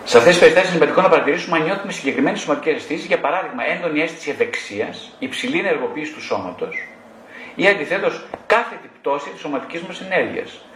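A man's voice: fairly high pitch, lively intonation, fairly bright tone. Man, psychotherapist, explanatory lecture, rhetorical questions, roomy sound, faint background hum.

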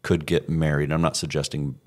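A pastor casually talking over a recent sermon, thinking aloud with frequent restarts. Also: male voice, a bass voice, flat delivery, a little fast, a little mellow.

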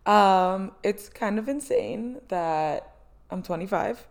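A woman in her 20s hosts a casual solo podcast, speaking slowly in a mid-range voice with lively intonation and vocal fry. She's chatty, laughs a lot, and fills her talk with "um" and "like."

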